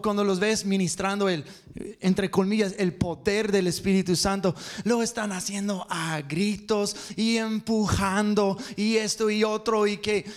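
A man preaching a sermon to a church congregation, moving between quick bursts and slow, stressed phrases. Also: high-pitched.

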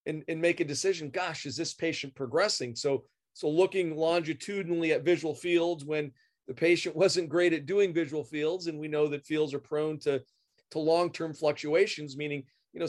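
A man's voice: a little high, a little mellow. A middle-aged man answering interview questions as a guest expert, explaining at length with many fillers and repeated words. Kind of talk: professional interview.

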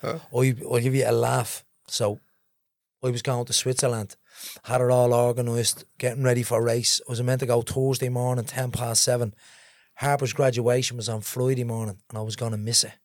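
A man's voice: mid-range voice, flat delivery, moderate pace, darkish tone, no room sound, clean studio sound. A middle-aged man with a Dublin accent, a podcast guest telling his life story candidly and with animation. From Ballymun, Dublin, Ireland. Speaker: interview guest.

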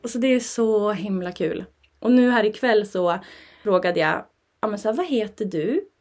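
A young mother or father figure—a young woman talking as a parent—chats casually on a podcast. Her storytelling is animated and energetic, with her voice leaping up whenever she quotes someone.

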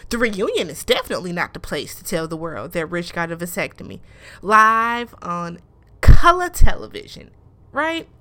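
A woman casually recapping a reality show in a blunt, animated way, with frequent swearing. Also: on the low side, fast talker, hardly any pauses. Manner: mimics show cast members in raised voices.

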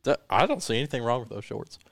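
A man's voice: mid-range voice, sing-song, fast, creaky, no room sound. A man hosting a casual podcast chat, joking around and talking with emphasis. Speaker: podcast host.

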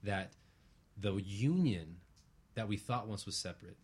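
Speaking unhurriedly, a male interview guest reflects earnestly in abstract spiritual terms, frequently seeking agreement. His lowish voice is expressive and darkish in tone, with a breathy edge.

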